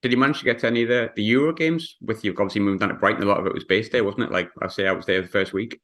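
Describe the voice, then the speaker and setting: A man hosts a conversational podcast interview. He speaks rapidly, in a slightly low-pitched voice, putting questions to his guest in an informal way. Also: fairly bright tone. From North East England. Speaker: podcast host.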